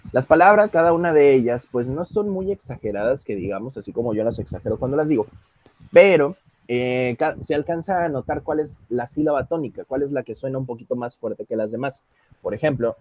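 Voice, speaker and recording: A man's voice: medium pitch, a little mellow. Patient man teaching English. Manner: explains patiently, switches between Spanish and English. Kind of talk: online class instruction.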